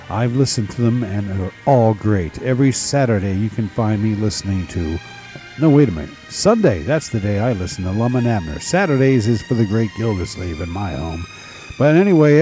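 An older man hosts in a folksy, rambling manner. His mellow voice rises and falls freely as he halts and reminisces, with faint music underneath. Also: medium pitch. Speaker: old-time radio show host. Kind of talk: casual show introduction and reminiscing.

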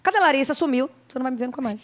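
A woman's voice: high-pitched, very fast. A woman, chatting animatedly as a guest singer on a podcast in a studio, repeating herself for emphasis. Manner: animated, talks about herself with emphatic repetition. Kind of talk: casual podcast chat.

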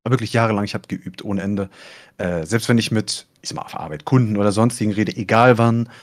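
A man who commentates esports, chatting casually and letting his voice deliberately rise and fall as he talks. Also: steady tone. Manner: deliberately rises and falls in pitch while telling. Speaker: esports caster. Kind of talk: casual podcast chat.

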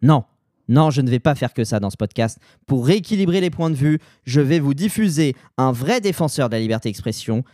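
A man's voice: mid-range voice, animated, brisk, warm tone, no room sound. A man hosting his own commentary podcast, talking sarcastically with frequent hesitations and fillers, recorded close and dry. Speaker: podcast host.

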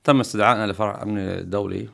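Gravelly, fast-talking Syrian man. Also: on the low side, fairly even intonation. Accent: Syrian Arabic. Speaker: podcast guest. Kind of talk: recounting memories in conversation.

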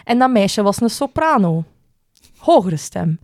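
Flemish woman, podcast co-host, low alto, lively storyteller with a bit of swearing, dry close sound. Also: measured pace, dry recording. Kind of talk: casual podcast chat.

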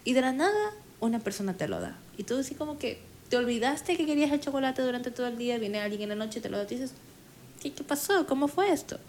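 A woman talking casually in a conversation, chatty and quick to act out small quoted moments. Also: a little high, animated, darkish tone, slight background noise.

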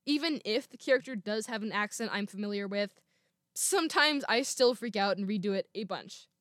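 Hosting her podcast from a scripted text, a young woman speaks animatedly and fairly quickly, with occasional little laughs. Her voice is naturally low for a woman and a bit bright. The home microphone gives a studio-quality, echo-free sound.

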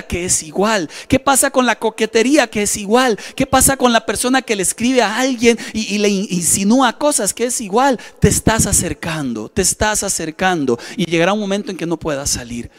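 A man's voice: high-pitched, a little fast, hardly any pauses. A middle-aged man with a Costa Rican accent preaching a sermon as a pastor, telling a personal story and repeating phrases for emphasis. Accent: Costa Rican Spanish. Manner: storytelling, repeats phrases, acts out inner voices.

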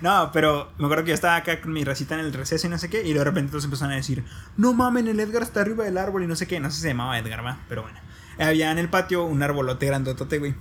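A man's voice: fairly high pitch, racing, fairly bright tone, slight background noise. A young man with a Mexican accent telling a funny story in slangy, casual chat. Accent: Mexican Spanish. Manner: slangy storytelling, laughing asides.

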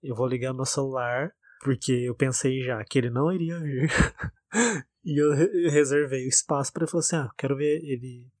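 A man, co-hosting a casual chat and telling stories in a blunt, animated way with swearing. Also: mid-range voice, moderate pace, dry recording.

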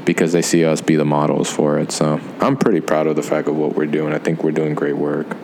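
A man co-hosting a casual podcast, hoarse, chatting in a relaxed, playful way. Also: very deep voice, fairly quick, a little hiss or hum. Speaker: podcast co-host.

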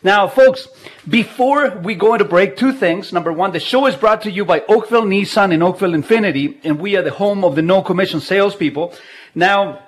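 Male radio host, high-pitched, casual and jokey, broadcasting from home. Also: brisk. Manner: chatty, jokey, laughs often. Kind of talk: casual live radio talk. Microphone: video call.

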